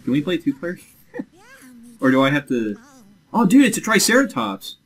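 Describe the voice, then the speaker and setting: A young man giving casual, excitable gameplay commentary as a let's play host. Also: on the high side, husky. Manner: excitable, quick reactions.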